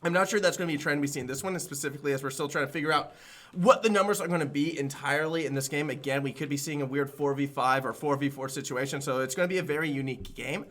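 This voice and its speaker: Aussie analyst caster, rapid-fire, slightly high, detailed breakdowns. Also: male voice, a bit bright. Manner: analytical, talks fast in long explanations. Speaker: esports caster. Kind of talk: live esports analysis.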